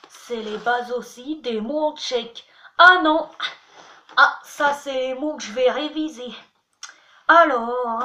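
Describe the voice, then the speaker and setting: A young woman with a high, slightly bright voice chats playfully in a casual vlog, teaching words and poking fun at herself. She's recorded from a distance in an echoey room.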